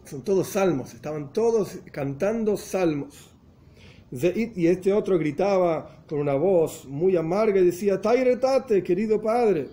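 Male teacher, storytelling lesson, high-ish mellow voice, glosses Hebrew and Yiddish terms in Spanish. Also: measured pace. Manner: chants quoted prayers with rising pleading intensity. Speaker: religious teacher.

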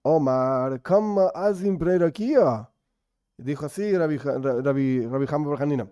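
A man teaching a Talmud study class. He reads the Aramaic slowly and then explains it casually. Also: a little high, mellow, clear, resonant tone, no room sound, studio quality.

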